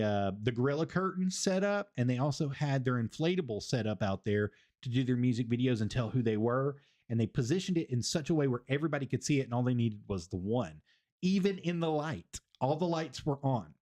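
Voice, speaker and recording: A man's voice: mid-range voice, darkish tone. Rambling man reviewing wrestling. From Tennessee, US. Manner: rambling, repeats phrases for emphasis. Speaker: stream host. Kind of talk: casual wrestling review chat.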